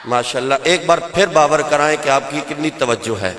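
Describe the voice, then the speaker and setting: A man's voice: a little high, lively intonation, heavy background noise. A man preaching a sermon at a religious gathering, leading the crowd in call-and-response chants with fervent delivery. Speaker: cleric. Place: large gathering hall with loudspeakers. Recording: echoey hall sound system with a crowd.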